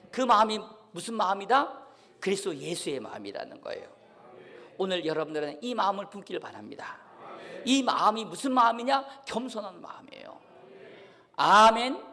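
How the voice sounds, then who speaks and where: A man's voice: high-pitched, gravelly, a bit bright. A man pastor preaching a sermon, often calling out to the congregation for responses. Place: church sanctuary. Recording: long hall reverb from a church.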